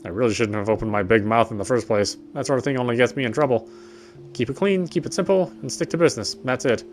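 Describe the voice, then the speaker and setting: A man playing a visual novel reads its scripted narration aloud for a gameplay video, with game music in the background. His voice is mid-range and his pace quick.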